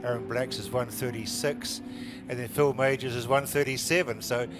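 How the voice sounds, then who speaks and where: A man's voice: medium pitch, fairly even intonation, normal speed, over music. A man commentating live on a motor race, chatting conversationally with his co-commentator.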